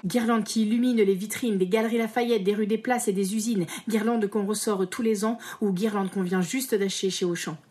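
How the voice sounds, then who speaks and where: A woman's voice: medium pitch, fairly even intonation, a little fast, few pauses, dark tone. A woman hosting a podcast for children and parents, reading a playful scripted list with tongue-in-cheek asides. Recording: music bed behind.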